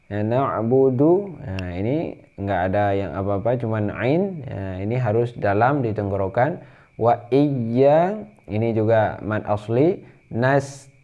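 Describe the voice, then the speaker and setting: A man teaching tajwid, explaining rules briskly and then reciting verses slowly in a higher chant. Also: mellow, lo-fi sound.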